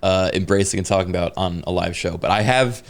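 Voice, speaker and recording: Deep-voiced man rambling on a podcast. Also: brisk. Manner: rambling, hesitant with many fillers. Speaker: podcast co-host. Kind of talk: casual chat.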